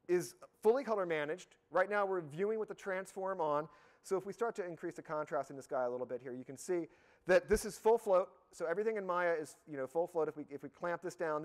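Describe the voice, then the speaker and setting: Slightly hoarse man giving a casual demo. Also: on the high side. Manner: casual and upbeat, with many fillers and restarts. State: slightly hoarse, losing his voice. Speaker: product expert giving a software demo. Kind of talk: live software demonstration.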